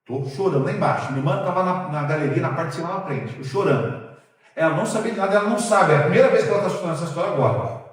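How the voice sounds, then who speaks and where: A man preaching a sermon as pastor, telling a personal testimony in an animated, storytelling way, heard in a church sanctuary. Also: a little high, racing. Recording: very echoey church hall, distant mic.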